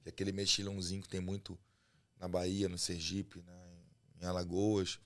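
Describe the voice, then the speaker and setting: With a low-pitched voice and a slightly fast pace, this Rio de Janeiro chef chats comfortably as a podcast guest. He owns a restaurant, speaks Brazilian Portuguese with a Carioca accent, and regularly wraps up his phrases with tag questions.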